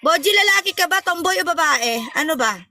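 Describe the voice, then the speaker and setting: A woman's voice: very high voice, animated, brisk, noisy background. A young woman hosting a live stream, chatting playfully and teasing viewers, mixing in English phrases. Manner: playful, teasing, switches between Tagalog and English.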